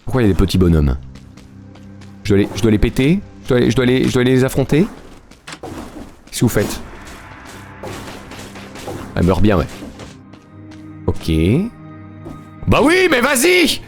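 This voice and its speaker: A man's voice: on the low side, lively intonation, normal speed, gravelly, pauses often, dark tone. A man streaming a video game, chatting casually and joking with his viewers, laughing often. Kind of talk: casual live-stream commentary. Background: game music.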